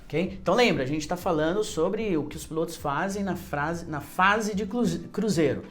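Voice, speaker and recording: A Brazilian woman teaches an online class. Her voice sits a little low for a woman. She explains points conversationally, then slows down to model careful example sentences. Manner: explains in Portuguese, then models slow, careful English answers. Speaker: English teacher. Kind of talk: online lesson.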